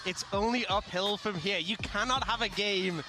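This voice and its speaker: A man's voice: sits high, moderate pace. A man speaking as an esports analyst, upbeat and wry.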